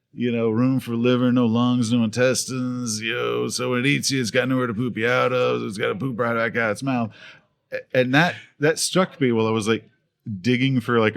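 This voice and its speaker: A man telling stories on a podcast in a medium-pitched, conversational voice. He talks in a loose, animated way, often restarting sentences and slipping into quoted voices mid-story. His delivery is relaxed and full of laughter. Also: vocal fry. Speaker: podcast guest, video creator. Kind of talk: casual podcast chat.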